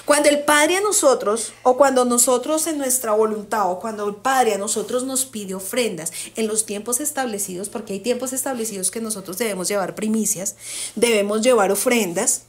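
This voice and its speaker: A woman teaching a Bible study to her congregation, asking the group questions and slowing down on key words for emphasis. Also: on the high side. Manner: asks the group questions and repeats answers.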